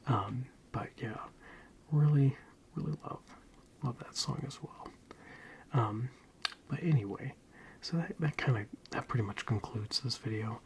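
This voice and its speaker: Soothing, whispery soft-spoken man. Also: mid-range voice, a little slow, pauses often, noisy background. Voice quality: soft, breathy, mostly whispered. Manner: hesitant, rambling, soothing. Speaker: ASMR video creator. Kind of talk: soft-spoken ASMR ramble.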